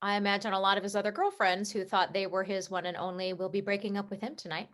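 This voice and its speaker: A woman playing a heartbroken, sharp-tongued young sports reporter in a comedy play reading over a video call, swinging into emotional, sarcastic outbursts. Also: mid-range voice, level tone, fast, close to an everyday voice. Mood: tearful.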